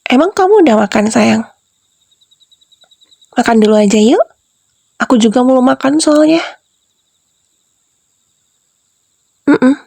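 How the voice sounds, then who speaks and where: ASMR role-play: a young woman as a clingy, pushy wife, higher voice with gravelly fry, dry close sound. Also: animated, normal speed, dark tone, dry recording, full character voice. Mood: doting. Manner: doting, then repeatedly questioning and defensive.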